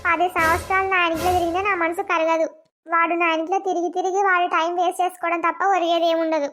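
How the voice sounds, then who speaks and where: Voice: very high-pitched, little pitch movement, fast talker, pushed and bright, soft background music. A voice actor playing a cold, determined young village woman in a cartoon, speaking firmly with a Telangana accent. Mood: stern. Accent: Telangana Telugu. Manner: stern, firm.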